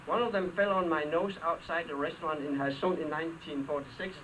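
Older Danish-accented man, after-dinner humorist, wry and dry, a bit high, heard from a distance with noise. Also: steady tone, a little fast, a bit bright. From Denmark. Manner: dry, wry storytelling with comic asides. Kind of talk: humorous luncheon speech. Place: hall with a live audience. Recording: distant mic, clear background noise.

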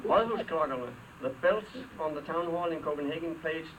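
A man's voice: on the high side, normal speed. An older man from Denmark with a Danish accent gives a humorous luncheon speech, telling stories in a dry, wry way with comic asides. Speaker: after-dinner speaker. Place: hall with a live audience. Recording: distant mic, clear background noise.

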